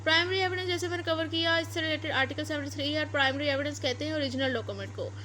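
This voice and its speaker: A Pakistani-accented woman with a distinctly high voice teaches law in a lecture style, going point by point and dropping English legal terms into her sentences. She speaks rapid-fire with a sharp tone, and some background noise sits behind her.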